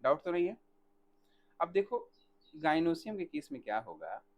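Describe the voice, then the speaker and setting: A man teaching botany in a live online class, asking students questions by name and dictating answers slowly. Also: on the high side, sing-song.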